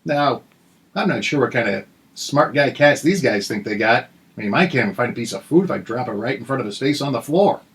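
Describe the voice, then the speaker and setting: A man reading satirical news with an animated, sarcastic, hammy delivery. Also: mid-range voice, fairly quick. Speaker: comedy news anchor.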